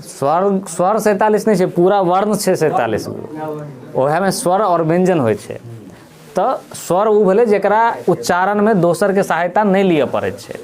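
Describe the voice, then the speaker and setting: Male teacher with a Maithili accent, slightly high voice, patient step-by-step grammar lesson. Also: lively intonation, normal speed, darkish tone. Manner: explains step by step, asking and answering his own questions. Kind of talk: grammar lesson for school students.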